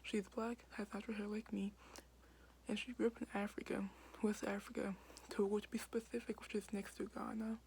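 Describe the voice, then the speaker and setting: A young woman vlogging in a hushed whisper late at night in a basement, filling her talk with "like" and "um". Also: mid-range voice, flat delivery, a little fast, creaky, slight background noise, poor audio. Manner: whispering quietly, many fillers like "like". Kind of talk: casual whispered vlog.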